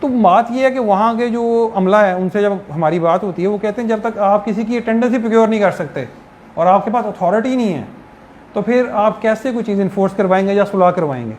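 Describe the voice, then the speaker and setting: A man's voice: high-pitched, brisk, darkish tone. A man giving a law lecture to trainee judges, explaining step by step through worked examples. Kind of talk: classroom lecture. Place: lecture hall. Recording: echoey hall with background hiss.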